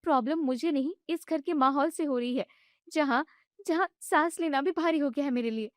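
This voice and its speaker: A woman voicing a young newlywed daughter-in-law who argues back in a high, exasperated voice. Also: normal speed, no echo, clean studio sound, natural voice. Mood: complaining. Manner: high, protesting complaints.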